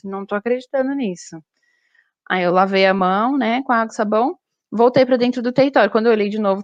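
A young woman, a zookeeper, chatting casually and telling stories in an animated way. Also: mid-range voice, no echo, lo-fi sound. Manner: animated storytelling. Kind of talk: casual chat.

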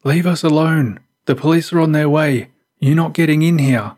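A man voicing a defiant young man who yells to protect the others, with a husky voice. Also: on the high side, normal speed, pitched above the performer's own voice, natural voice. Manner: yelling.

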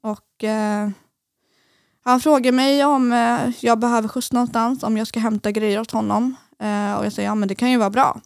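A woman's voice: fairly high pitch, fairly even intonation, vocal fry, smooth, dry recording, studio quality. A young woman guest on a podcast, telling a personal story in hesitant casual conversation with many fillers.

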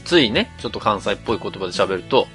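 A man from Mie co-hosting a podcast in casual chat, animated and laughing as he complains. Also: on the low side, fast, faint music behind. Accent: Kansai-leaning Mie dialect. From Mie, Japan. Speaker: podcast co-host.

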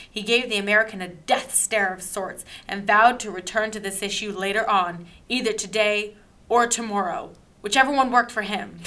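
A woman's voice: fairly high pitch, sharp tone. A woman reading a silly story aloud and teasing her co-host with dry wisecracks. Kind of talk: comedic reading with banter.

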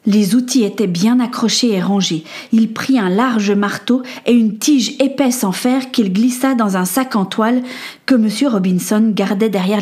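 A woman narrating a storybook adventure in a clear, expressive reading. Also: a little high.

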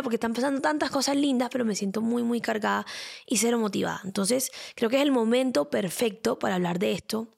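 Chatty woman podcast host, slightly gravelly voice. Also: on the high side. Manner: chatty and expressive, repeats words for emphasis. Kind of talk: casual solo podcast talk.

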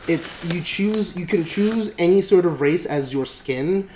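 An unhurried man with a high, slightly mellow voice rambles as a podcast host. His casual tabletop-game talk is packed with fillers and restarts. The echoey room carries faint noise.

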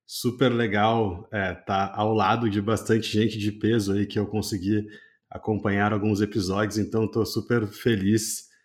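A man's voice: fairly low pitch, level tone, moderate pace. A man with a Brazilian Portuguese accent speaking as a podcast guest in a conversational, methodical, explanatory way. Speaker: podcast guest, games education entrepreneur.

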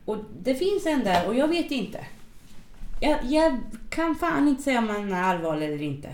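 A woman's voice: fairly high pitch, sing-song, distant mic. A middle-aged woman co-hosting a podcast, chatting casually and rambling with lots of fillers. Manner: rambling, full of fillers like "liksom". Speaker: podcast co-host. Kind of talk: casual chat. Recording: roomy echo, away from the mic.

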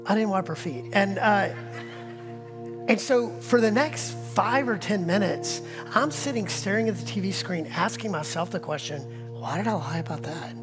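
A middle-aged pastor preaches in a church, telling stories and acting out the conversations in them. He often drops to a near-whisper, then comes back louder. Music plays clearly underneath his voice. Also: high voice, moderate pace. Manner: storytelling with acted-out dialogue, swinging between quiet whispers and louder bursts. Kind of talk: sermon.

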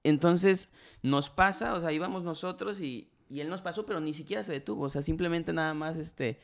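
A man's voice: fairly high pitch, a little fast, gravelly. A young adult man with a Mexican accent, a podcast guest telling a story in casual, slangy talk. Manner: animated storyteller, slangy, acts out quoted voices.

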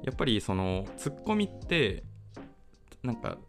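A man's voice: medium pitch, sing-song, measured pace, over music. A man from Toyama co-hosting a casual podcast, chatting and laughing often as he acts out quoted lines. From Toyama, Japan. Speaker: podcast co-host.

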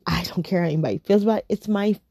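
A woman's voice: lowish voice, racing, gravelly, mellow, husky, no echo, clean studio sound. A woman in her thirties chatting casually to camera, rambling and repeating herself, tired and yawning. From United States. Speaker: vlogger.

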